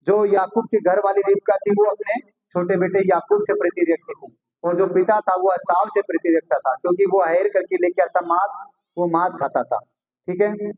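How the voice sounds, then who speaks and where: A man with a notably high but darkish-toned voice preaches a sermon, reading scripture passages aloud and then unpacking them for his listeners. He repeatedly poses rhetorical questions and answers them himself, and the recording is rough.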